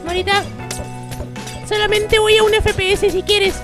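A woman chatting in a playful Minecraft role-play, excitable and calling out insistently. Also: very high-pitched, a little slow, music in the background.

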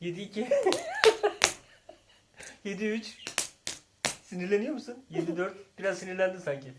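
A father running a casual family channel calls out scores during a game, teasing and laughing in bursts. He speaks at a normal speed in a high-pitched voice, and the background is noisy.

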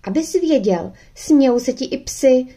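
A woman's voice: high voice, expressive, mellow, slightly rough. A woman reading an audiobook voices a stubborn, indignant young girl who sulks and flares up. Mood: determined. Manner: sulky, indignant.

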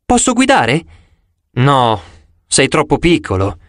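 Male reader as a swaggering sun god, teasing and breezy, lively swings in tone, dry close sound. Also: medium pitch, takes it slowly, dry recording, full character voice.

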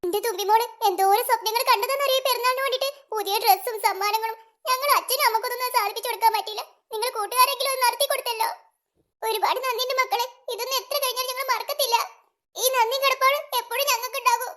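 A voice actor voicing a kind, humble mother in an animated cartoon, speaking softly and with emotion. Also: very high-pitched, rapid-fire. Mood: tearful.

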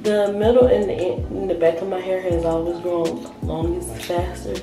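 A young adult natural hair vlogger chats casually to the camera in a tutorial, her low-ish voice flat, moderately paced and a little affected by illness. She takes her time and repeats phrases for emphasis. A camera mic a short distance away picks her up far off and roomy in a small tiled home bathroom, with music playing behind her.

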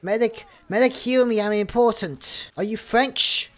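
A young man streaming a game while drunk, rambling and boasting playfully, with sudden shouts when fights break out. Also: high-pitched, a little slow. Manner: bursts into shouting during fights. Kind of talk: drunken gameplay chatter.

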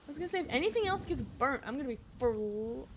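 A young woman talks to her stream from home, excitable and chatty, reading her chat aloud between reactions to the game. Her voice sits high and swings widely in pitch. She sounds close on a headset mic. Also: fast, background noise. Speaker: Twitch streamer. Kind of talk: casual gameplay streaming chat.

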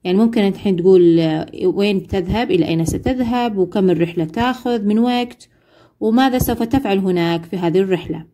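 A woman English teacher, explaining a lesson word by word and reading English phrases slowly. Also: mid-range voice, warm tone. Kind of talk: classroom explanation.

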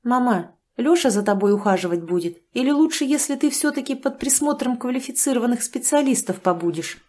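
A woman's voice: on the high side, animated, fairly quick, pitched above the performer's own voice. A woman doing an anxious pregnant young daughter. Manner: soft, anxious, then firm.

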